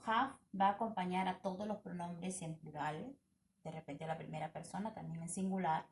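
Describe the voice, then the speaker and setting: Slow-speaking woman teacher, echoey room. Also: medium pitch, darkish tone, slight background noise. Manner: slow, drawn-out, repeats words for students. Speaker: English teacher. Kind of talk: online grammar class. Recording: echoey room with faint ambience.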